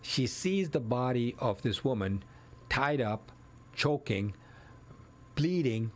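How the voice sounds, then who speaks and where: Animated and unhurried, this mid-range male voice belongs to a guest telling the story of a murder. It's relaxed conversational storytelling, laid out step by step, with fillers and frequent corrections of himself.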